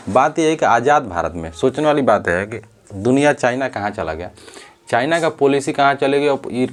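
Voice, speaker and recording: A man giving earnest spoken commentary on a social issue, often restarting and correcting himself as he talks. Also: mid-range voice. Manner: earnest, repetitive, with frequent self-corrections.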